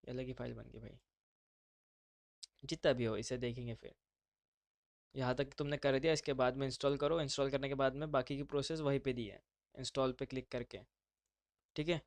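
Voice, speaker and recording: A man's voice: mid-range voice, level tone, fairly quick, vocal fry, long pauses, dry recording. A man teaching a live online class, talking casually and mixing in English terms. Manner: casual, brotherly, mixes English terms into speech.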